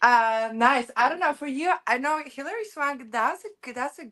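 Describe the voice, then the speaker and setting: A woman's voice: high voice, expressive, moderate pace, fairly bright tone. A woman from Bulgaria, a filmmaker guest talking casually on a podcast, circling back and restarting her thoughts. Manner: chatty, circles back and restarts while explaining.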